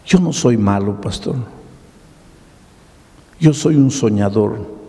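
A man's voice: on the low side, expressive, takes it slowly, dark tone. A preacher voicing a guilt-ridden male terrorist. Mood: defiant. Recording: long hall reverb.

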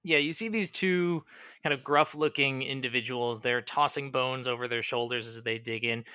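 Bright-voiced man running a tabletop game. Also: mid-range voice, moderate pace, clear, resonant tone, no echo. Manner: rambling, lots of fillers and self-corrections. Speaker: game master.

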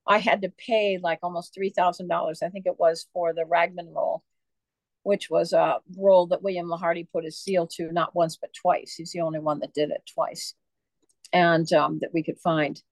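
A woman's voice: lowish voice, level tone, moderate pace, no room sound. A woman author being interviewed, telling long rambling stories with many fillers. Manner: chatty, digressive, many fillers. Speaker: author guest. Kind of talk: casual storytelling interview.

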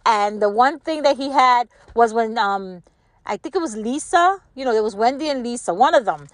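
A woman's voice: fairly high pitch, expressive, normal speed, no echo. An older woman giving casual, rambling solo commentary, repeating phrases for emphasis and tossing out rhetorical questions. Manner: conversational, checks in with rhetorical questions.

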